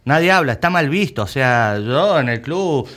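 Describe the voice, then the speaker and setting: This Argentine man, head of a rugby club, gives a conversational interview with emphasis, repeating words while he looks for them. He speaks with an Argentine Spanish accent at medium pitch, with lively intonation, normal speed, and a fairly bright tone.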